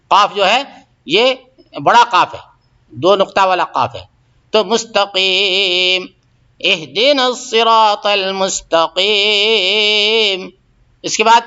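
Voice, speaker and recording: A man's voice: sits high, sharp tone. A man teaching Quran recitation, drilling pronunciation by repeating syllables and checking that learners follow. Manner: asks learners to check understanding. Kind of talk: recitation lesson. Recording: dull lo-fi audio.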